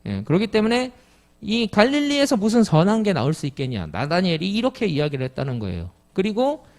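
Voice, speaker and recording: A man's voice: sits high, wildly swooping pitch, a little fast. A middle-aged man from Jeju preaching an expository sermon, explaining step by step and putting questions to the congregation. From Jeju, Korea. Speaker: pastor. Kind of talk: expository sermon at a midweek service.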